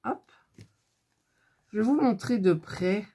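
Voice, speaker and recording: A woman's voice: mid-range voice, expressive, slow pace, dark tone, husky. A middle-aged woman doing a casual hands-on craft demo, grumbling and talking to herself as she works, filmed up close on a phone. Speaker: craft video host.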